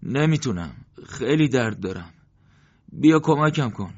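A man's voice: mid-range voice, dull audio, pitched above the performer's own voice, natural voice. A man voicing an injured, weary soldier in pain, speaking in a strained, pleading way.

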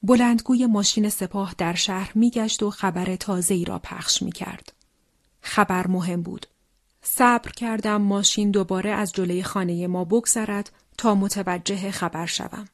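A woman reading a wartime testimony as scripted narration, solemn and slow, often sinking into a hushed whisper. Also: medium pitch, steady tone, no room sound, clean studio sound.

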